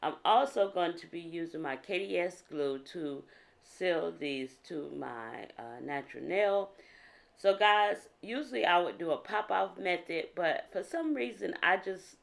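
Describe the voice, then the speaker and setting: A woman from South Carolina chatting casually to camera as a nail vlogger, her voice deep and froggy from just waking up. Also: unhurried, vocal fry. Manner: relaxed, chatty, with fillers. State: deep morning voice.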